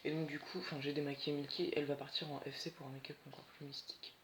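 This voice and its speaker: A teenager chatting excitedly and rambling while unboxing, swearing often, filmed on a phone at home. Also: mid-range voice, fast, noisy background. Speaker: doll collector vlogger. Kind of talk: casual unboxing chat. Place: at home, indoors. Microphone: phone camera. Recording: echoey room with loud plastic rustling. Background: crinkling bubble wrap and plastic.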